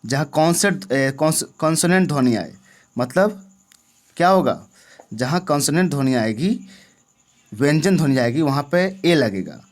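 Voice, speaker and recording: A man's voice: on the high side, expressive, normal speed, pauses often. Man teaching grammar with rhetorical questions. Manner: repeats questions to the viewer, checking understanding. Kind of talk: classroom-style lesson.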